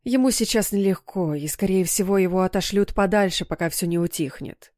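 A woman voicing a gentle, worried mother in an audiobook, speaking softly and soothingly. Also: medium pitch, brisk, no echo, clean studio sound, lightly acted. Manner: soft, soothing.

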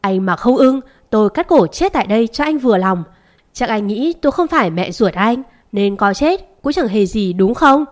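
A woman's voice: on the high side, expressive, moderate pace, natural voice. A woman voicing a domineering older stepmother who shrieks and threatens melodramatically. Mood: shrill, threatening.

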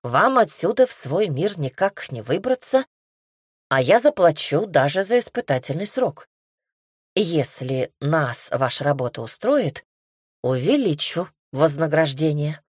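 A woman's voice: low-pitched, very animated, unhurried, slightly rough, no echo, studio quality, heavily acted. A woman voicing a haughty aristocratic lord and single father who talks in an arrogant, curt and stiffly formal way.

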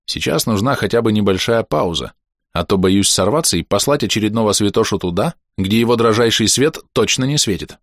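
A man narrating a first-person audiobook in a wry, expressive storytelling manner. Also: fairly low pitch, a little fast, dry recording, clean studio sound.

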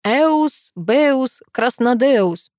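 A woman's voice: medium pitch, animated, brisk, no room sound, natural voice. Woman doing young man, best friend, teasing, mocking, audiobook, dry sound. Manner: playful and mocking. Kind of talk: audiobook reading.

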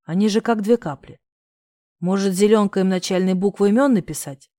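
A woman's voice: medium pitch, fairly quick, warm tone, dry recording, studio quality, lightly acted. A woman reading the lines of a teasing, mock-grumbling young man in love. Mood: tender.

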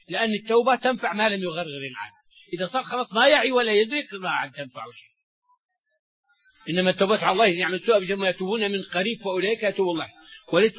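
Older man, sermon commentary, high-pitched, lo-fi recording. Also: slightly rough. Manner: colloquial storytelling mixed with recited verses, stammering restarts. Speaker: Islamic scholar giving a Quran commentary lesson. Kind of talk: sermon-style Quran commentary. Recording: dull lo-fi dry recording.

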